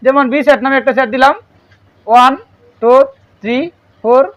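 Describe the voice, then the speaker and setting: A man's voice: very high voice, fairly even intonation, normal speed, muffled recording. A male math teacher with a Bangladeshi Bengali accent, giving a classroom lesson and quizzing his pupils, repeating their answers back.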